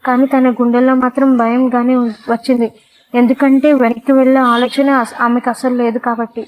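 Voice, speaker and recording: A woman storyteller narrating a dramatic love story in a measured, emotional way. Her voice sits fairly high, and faint noise runs underneath. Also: flat delivery, darkish tone, poor audio.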